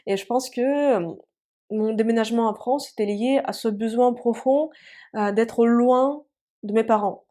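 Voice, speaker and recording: A woman in her thirties, a native Russian speaker, teaches a language online, explaining things in a chatty, hesitant, casual way with many fillers. Her mellow voice is a little high and a little slow.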